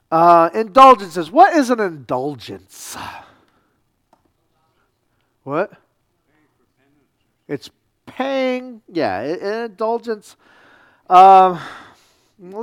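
A man's voice: high-pitched, very animated, a bit bright, no room sound, clean studio sound. Man lecturing with lots of ums. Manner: halting, many ums, wry and sarcastic asides. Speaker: pastor teaching a church history class. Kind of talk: casual classroom lecture.

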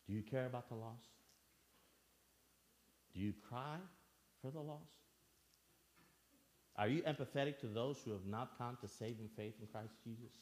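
A man's voice: medium pitch, darkish tone. Earnest man preaching a sermon. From Albania. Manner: earnest, repeats phrases for emphasis, asks the listeners questions.

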